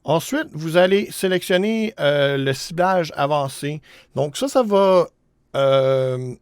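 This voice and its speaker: Slow and clear, with a highish, resonant voice and lively intonation, a Quebec-accented Canadian in his thirties runs an informal music promotion tutorial via screen share. He hesitates and mixes in English terms, recorded in clean studio sound with no room sound.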